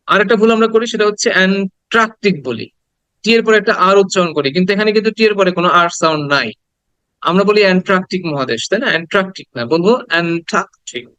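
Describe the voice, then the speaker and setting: High-voiced teacher, slow and clear. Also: male voice, a bit bright, no room sound, rough recording. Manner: slow and deliberate, repeating words for students to copy. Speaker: English pronunciation teacher. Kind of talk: classroom lesson, mixing Bengali and English.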